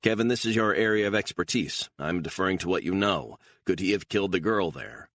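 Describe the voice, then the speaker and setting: A man's voice: low voice, lively intonation, a little fast, a bit bright, no room sound. A man voicing an impatient intelligence chief who presses for answers. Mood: demanding. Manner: demanding, pressing.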